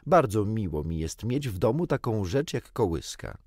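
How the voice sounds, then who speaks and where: A man's voice: on the low side, sing-song, darkish tone, dry recording, clean studio sound. A man voicing a young girl who plays mother, scolding and fussing over the children. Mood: fussy. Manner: fussy, scolding, brisk. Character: motherly girl playing house.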